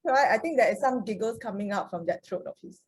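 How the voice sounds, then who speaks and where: A woman with a Singaporean accent hosting a light-hearted contest in a casual, teasing, animated way. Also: mid-range voice. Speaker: host of a dad joke contest. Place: video call.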